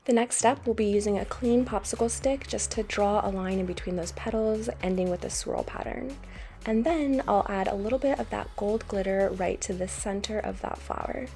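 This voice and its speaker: A woman with an American accent talks through a craft tutorial as a voice-over. Her tone is mellow and warm, and she explains each step in a calm, easy way. Soft music plays quietly behind her. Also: medium pitch, normal speed. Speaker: craft channel host.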